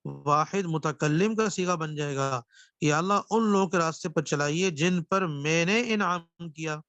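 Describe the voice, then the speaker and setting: A man's voice: a little high, fairly bright tone, no room sound. Man teaching recitation, dry sound. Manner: asks questions and answers them himself, repeats key phrases; slows into drawn-out recitation of verses. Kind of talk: classroom tajweed lesson.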